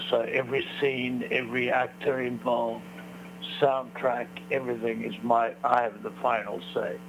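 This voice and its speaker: A man's voice: mid-range voice, creaky, slight background noise, poor audio. A man from Africa, a guest author telling his life story on a radio show in a boastful, expansive way. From South Africa. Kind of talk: radio interview.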